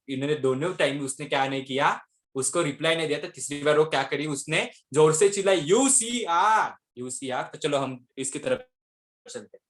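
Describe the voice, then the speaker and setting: A man's voice: medium pitch, fairly bright tone. A male teacher giving an online class lecture, constantly quizzing his students with repeated questions. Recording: echoey room audio.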